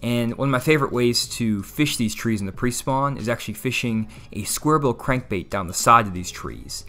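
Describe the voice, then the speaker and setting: A young man, giving steady instructional voice-over on bass fishing. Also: normal speed, soft background music. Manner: explanatory, steady walkthrough. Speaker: fishing channel host.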